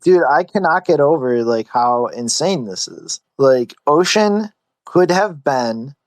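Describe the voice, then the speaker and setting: Man, unhurried pace, fairly high pitch, emphatic, casual opinionated chat. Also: animated, no room sound. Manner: emphatic, swearing.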